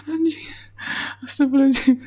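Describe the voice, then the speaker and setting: A young adult reaction vlogger, laughing to tears and exclaiming loudly over and over in casual commentary. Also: high-pitched, fairly even intonation, brisk. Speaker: reaction video creator.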